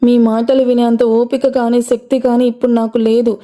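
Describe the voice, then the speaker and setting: A woman's voice: fairly high pitch, flat delivery, moderate pace, mellow, natural voice. A woman voicing a hurt, defiant young mother. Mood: weary reproach. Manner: firm, reproachful.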